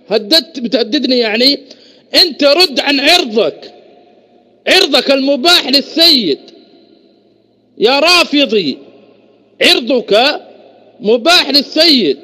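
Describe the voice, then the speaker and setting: A combative man debating in an online voice room. His voice sits very high and cuts through bright and sharp. He taunts and hammers the same challenge again and again, his pitch swinging all over. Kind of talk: heated religious debate.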